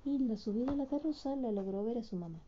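A woman's voice: fairly high pitch, animated, fast. A woman casually retelling a storybook and doing voices for the characters, on a dull lo-fi recording.

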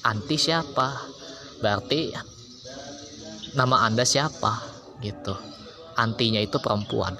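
Low-voiced man preaching, music behind. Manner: explains slowly, with chatty asides. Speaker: Islamic preacher. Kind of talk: casual sermon.

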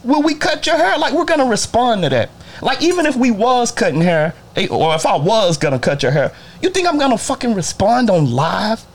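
Lively, profane man ranting on a livestream. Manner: profane, blunt, talks to viewers directly, swings between loud and low. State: bothered by allergies. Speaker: barber livestreaming to followers. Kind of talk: casual livestream rant.

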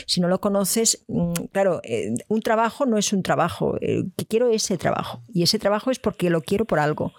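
Mid-pitched co-host with hesitant talk, dry sound. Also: no room sound. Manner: rambling, many hesitations and restarts. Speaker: co-host of an acting career stream. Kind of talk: live-stream chat reading viewer comments.

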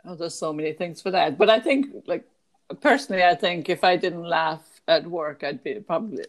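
A woman's voice: fairly low pitch, brisk. A chatty woman with a west of Ireland accent from Kerry, reminiscing casually in an interview. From County Kerry, Ireland. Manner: chatty, frequently breaking into laughter.

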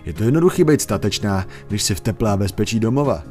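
A sly teenage boy from a spoken horror story, as a male narrator puts him on, sneering and goading. He speaks a little louder than the narration. Faint music runs underneath. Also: on the low side, lively intonation, natural voice.

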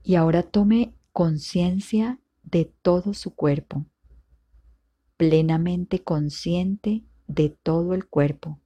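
A woman instructor leads a guided meditation in a low, relaxed voice. She speaks very slowly and in a measured way, leaving long pauses between short instructions. The delivery stays calm and soothing.

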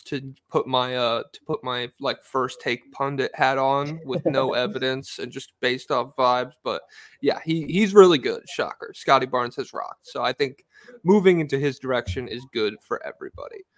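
A man's voice: medium pitch, normal speed, no room sound, studio quality. A man co-hosting a podcast, chatting loosely about basketball with lots of fillers and the odd swear word. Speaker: podcast co-host. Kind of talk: casual basketball chat.

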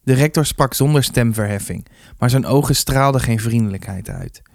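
A man reading a youth novel aloud with steady, measured narration. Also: medium pitch, no room sound, studio quality. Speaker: reader. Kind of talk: storybook reading.

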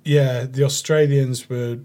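A man co-hosting a comedy podcast, telling a news item in a halting, filler-heavy way. His voice sits at an ordinary middle pitch. He keeps picking his thread back up through the casual banter. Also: steady tone, warm tone. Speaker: podcast co-host reading out news.

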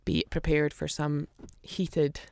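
A woman's voice: deep voice, level tone, slow pace, a little mellow. A Scottish woman hosting a podcast in casual chat, self-deprecating and chatty, laughing often. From Scotland. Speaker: podcast host.

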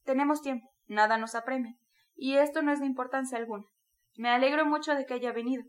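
A woman's voice: sits high, steady tone, quick pace, close to an everyday voice. A woman reading the lines of a sly, chatty middle-aged male magistrate who keeps pressing in an ingratiating way.

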